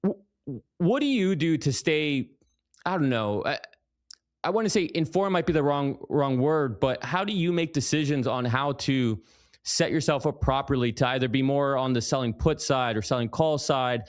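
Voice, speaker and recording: A man's voice: medium pitch, moderate pace. A man hosting an interview over a video call, asking long questions with many restarts. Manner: hesitant, restarts, laughs easily. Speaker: interviewer, podcast host.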